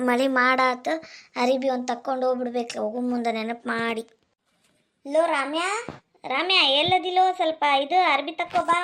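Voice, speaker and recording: Woman voicing a sharp-tongued cartoon village mother, very high voice, North Karnataka accent, scolding and bickering. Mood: busy. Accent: North Karnataka Kannada.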